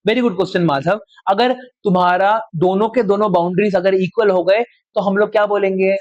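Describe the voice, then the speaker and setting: A man teaching a maths class, dictating slowly word by word and often checking whether the students follow. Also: sits high, steady tone, a little mellow, no echo, lo-fi sound. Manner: slow dictation word by word, checks with frequent questions. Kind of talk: live class lecture.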